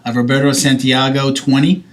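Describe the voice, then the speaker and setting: Chatty middle-pitched podcast host, man. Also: level tone, moderate pace, a little hiss or hum. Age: 40s. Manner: rambling, self-correcting, asks questions. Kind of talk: casual chat.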